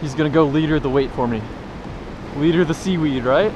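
A young man filming a fishing vlog on a beach, talking to viewers in a joking, excitable way. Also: fairly high pitch, brisk, dull audio. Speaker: fishing vlogger. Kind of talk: casual excited vlog commentary. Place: beach by the surf, outdoors. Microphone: action camera. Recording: wind and surf noise.

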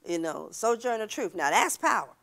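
A woman's voice: medium pitch, moderate pace, vocal fry. A woman in her sixties, a guest speaker in a church studio interview, talking emphatically and gesturing, on a lapel mic. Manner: emphatic, animated storytelling with hand gestures. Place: church TV studio set, seated on stage.

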